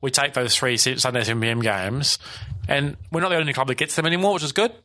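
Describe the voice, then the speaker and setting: Fast-talking bright-voiced man. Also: mid-range voice. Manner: chatty, wry, frequent ums and restarts. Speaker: podcast co-host. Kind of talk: casual sports podcast chat. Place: home room.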